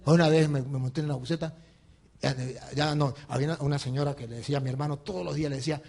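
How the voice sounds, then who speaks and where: High-voiced priest telling a lively anecdote. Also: male voice, very fast, creaky. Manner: animated, laughing, mimics others in anecdotes. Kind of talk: sermon with storytelling.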